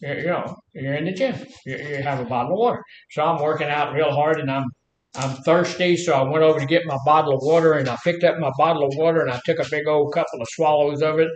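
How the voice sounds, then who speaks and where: A man's voice: on the high side, fast, echoey room, highs cut off, slight background noise. A middle-aged man teaching a casual class, folksy and full of questions to the room. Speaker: health instructor.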